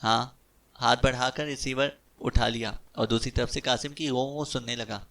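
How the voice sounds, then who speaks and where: A man's voice: mid-range voice, fairly even intonation, vocal fry, bright, forceful tone, far from the mic. A man narrating an audiobook of a detective novel, giving the characters' lines with light changes of voice.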